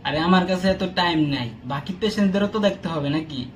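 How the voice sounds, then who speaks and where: A man's voice: high-pitched, quick pace, a little hiss or hum. A man playing an exasperated doctor in a comedy sketch, pleading with and snapping at his patient.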